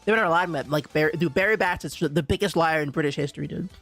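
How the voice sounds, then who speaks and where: A young man from Bermuda streaming, ranting in an animated, casual way with lots of laughter. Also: on the high side, very fast, faint music behind. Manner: animated ranting, laughs often, says "dude" a lot. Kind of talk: casual livestream chat.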